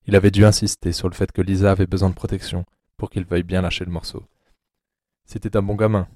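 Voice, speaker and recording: A male narrator with a very low, dark and mellow voice reads an audiobook drama in a measured, sombre way. The sound is close and dry, with no room around it. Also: level tone, dry recording.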